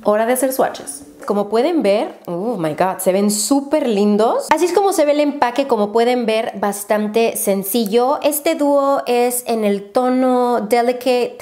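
Woman, slightly high voice, chatty, gushing, casual haul vlog. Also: unhurried, few pauses, dark tone. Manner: chatty and gushing, drops English exclamations. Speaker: beauty YouTuber.

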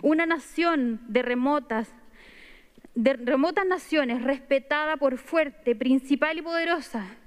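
High-pitched Chilean woman at a podium. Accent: Chilean Spanish. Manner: firm, measured, reading from paper. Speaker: convention delegate. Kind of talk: formal speech read from notes. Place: large wood-paneled assembly hall. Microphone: podium microphone. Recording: reverberant assembly hall.

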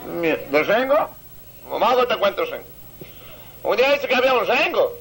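A man's voice: sits high, sing-song, moderate pace, a bit bright, poor audio. A man from Santiago del Estero with a Santiagueño Argentine accent, telling crude jokes outdoors as a stand-up comedian and laughing at his own punchlines. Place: outdoors on a seaside promenade.

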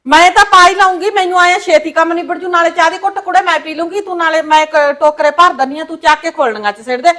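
A woman's voice: very high-pitched, steady tone, quick pace, hardly any pauses, pushed and bright. A woman with a Punjabi accent acting a blunt sister-in-law in a short film, scolding about chores. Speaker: sister-in-law in a village household.

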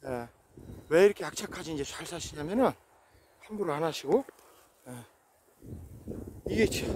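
High-voiced preachy man in his forties. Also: darkish tone. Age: 40s. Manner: preachy, repetitive affirmations. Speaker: vlogger. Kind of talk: casual outdoor vlog talk. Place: outdoors on a rocky hillside. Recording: noisy outdoor recording.

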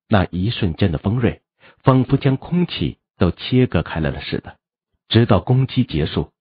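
Male narrator, low, lively, husky, dry close recording, lo-fi. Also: no echo. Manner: animated storytelling. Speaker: audiobook narrator. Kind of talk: expressive novel narration.

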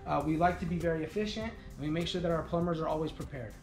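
A man in his thirties giving a relaxed walking tour of his company's warehouse and offices, with frequent fillers. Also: fairly high pitch, fast talker, distant mic. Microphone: camera following him, mic at a distance. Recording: echoey rooms, voice a bit off-mic, soft music underneath.

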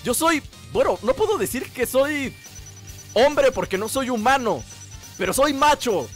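A man's voice: very high-pitched, very animated, unhurried, soft background music. A man giving playful, teasing gameplay commentary, swearing casually. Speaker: gaming channel host.

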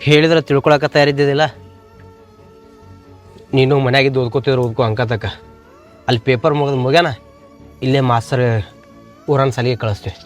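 A man's voice: medium pitch, fairly even intonation, fairly quick, long pauses, faint music behind, lightly acted. A man playing a protective village father. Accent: North Karnataka Kannada. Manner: scolding, earnest. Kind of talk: village short film acting.

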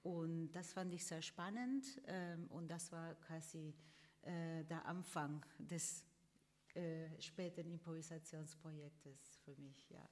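Argentine woman, lowish voice, reverberant hall. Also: slow pace, darkish tone. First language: Spanish. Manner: hesitant, many fillers. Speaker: guest sociologist. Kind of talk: live interview answers. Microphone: stand mic. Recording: long room reverb.

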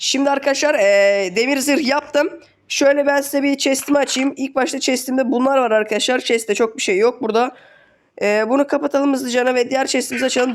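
Fast-talking sick young man gaming. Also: extremely high pitch. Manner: chatty, swears casually, keeps addressing viewers. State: sick, voice worn. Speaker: gaming channel host. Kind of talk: casual let's play commentary.

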